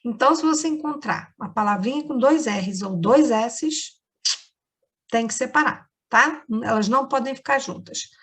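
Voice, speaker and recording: A woman's voice: a little high, moderate pace, breathy edge. A woman teacher with a Brazilian Portuguese accent, giving a lesson to children and explaining each step patiently. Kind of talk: remote class lesson for children.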